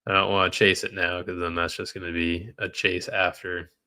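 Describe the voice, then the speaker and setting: A man's voice: low voice, level tone, moderate pace, sharp tone, clean tone. A man trading live on a stream, reading out viewer comments and venting when trades go against him. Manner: frustrated, talks to chat while reading comments. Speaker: livestream trader.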